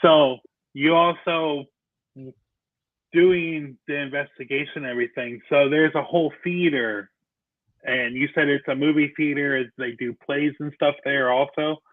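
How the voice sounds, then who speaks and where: A man's voice: fairly high pitch, steady tone, a little slow, no echo. Chatty man on a tinny line. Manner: chatty, rambling with restarts. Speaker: podcast host. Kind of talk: casual chat. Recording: tinny phone-line sound, dry.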